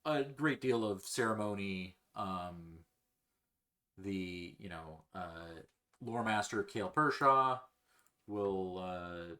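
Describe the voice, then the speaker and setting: A man running a tabletop role-playing game as game master, talking slowly with many fillers and pauses. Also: deep voice, lively intonation, pushed and bright. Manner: slow, halting, many fillers. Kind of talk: narrating a tabletop game over a call.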